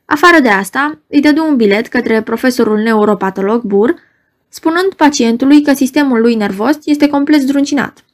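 Brief: woman narrator, measured audiobook reading, slightly high voice. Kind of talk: scripted narration.

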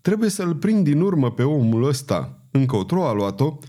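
A man's voice: a little high, very animated, mellow. A male audiobook reader voicing a bold knight who speaks firmly and commands. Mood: stern. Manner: firm, commanding, sarcastic. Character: daring swashbuckling male knight, stern and commanding.

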